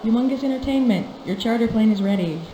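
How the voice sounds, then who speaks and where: A woman voicing a calm airport announcer who gives soft, polite, unhurried pages over a public address system. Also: on the high side, slight background noise. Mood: polite paging. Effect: soft announcement over an echoing public address system. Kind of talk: educational game voice acting. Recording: echoey loudspeaker announcement.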